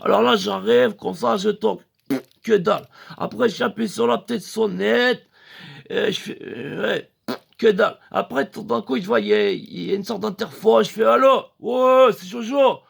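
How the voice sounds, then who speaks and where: A man's voice: sits high, normal speed, gravelly, breathy edge. A man telling a crude, rambling comic story in slangy street talk. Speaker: comedian.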